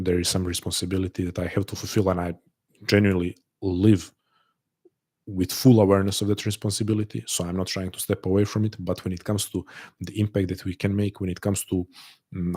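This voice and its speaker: A low, husky man's voice with a touch of mellowness leads a live online call. His talk to the audience is thoughtful and sincere, full of repeated words and restarted phrases as he works through his ideas aloud.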